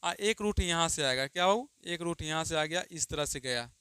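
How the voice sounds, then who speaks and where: A man's voice: a little high, lively intonation, moderate pace, sharp tone, smooth, no echo. A man teaching a grammar lesson to students, who keeps asking questions and answering them himself, calling them "babu" and drawing out the example sentences he dictates.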